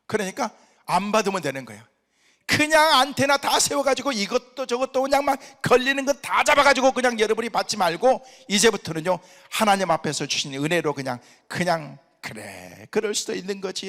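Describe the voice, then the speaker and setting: A high, gravelly man's voice preaching as a pastor, bright and sharp in tone. He moves from quiet storytelling to forceful, emphatic calls to his congregation. His voice rings with the long reverb of a church hall. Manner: storytelling that builds to loud, emphatic exhortation. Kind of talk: sermon with personal testimony. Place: prayer retreat hall.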